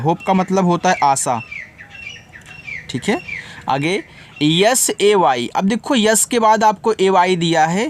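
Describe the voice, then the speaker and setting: A man's voice: sits high, slight background noise. A man who teaches English and spells words out letter by letter, then patiently explains how to read them. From India. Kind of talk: spelling lesson.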